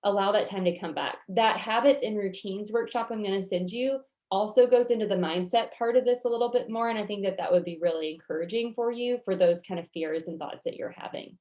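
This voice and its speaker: A woman's voice: mid-range voice, a little fast, hardly any pauses, a little mellow. Female workshop coach, Southern US accent, mid-range voice, reassuring and conversational, informally guiding participants. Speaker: goal-setting workshop coach. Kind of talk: casual workshop teaching, answering participant questions.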